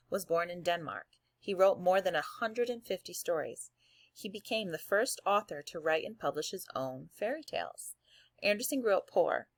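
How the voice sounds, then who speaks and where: An elementary teacher with a slightly low voice reads aloud to her pupils and guides them step by step. She speaks directly to the class and encourages them along the way, recorded close and dry with no room sound.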